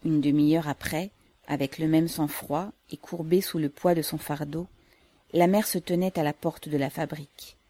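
Woman audiobook narrator, low voice, dry close sound, measured storytelling. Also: steady tone, warm tone, no room sound. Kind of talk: scripted narration.

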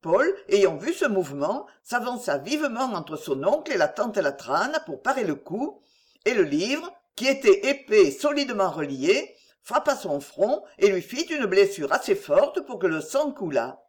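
A woman narrating a novel as an audiobook, with expressive storytelling. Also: medium pitch, measured pace.

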